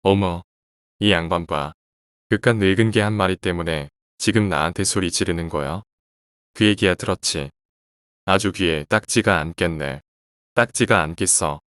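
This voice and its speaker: A sharp-tongued middle-aged housewife scolding and brushing others off, as a male narrator reads her lines. The voice sits very low. The sound is dry and close, with no room around it. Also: normal speed, no echo. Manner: scolding, dismissive. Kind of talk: horror story reading.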